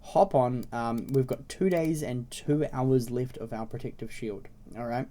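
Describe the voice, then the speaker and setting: Raspy man with a cold, mellow tone. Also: mid-range voice, unhurried. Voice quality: slightly raspy. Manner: informal, explanatory, often checking in with "okay?" and "right?". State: congested with a cold, frequent throat clearing. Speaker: video host introducing a browser game series. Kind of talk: casual tutorial commentary.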